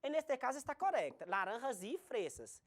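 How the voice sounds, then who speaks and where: A woman teaching a recorded Spanish grammar lesson, slowly spelling out examples. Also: fairly high pitch, sing-song. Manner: slow, deliberate explanation with spelled-out examples.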